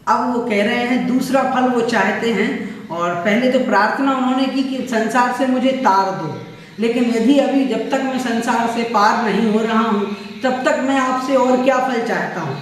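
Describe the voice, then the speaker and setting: A man teaching a religious text, patiently repeating each word slowly so listeners can practise. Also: extremely high pitch, slight background noise. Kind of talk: scripture pronunciation lesson. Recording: echoey distant room recording.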